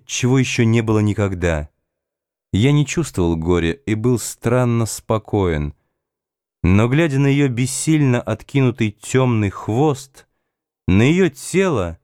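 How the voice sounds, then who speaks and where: A man narrates an audiobook in a low, steady voice, measured and calm. The sound is close and dry, with no room echo. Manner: measured, calm literary reading.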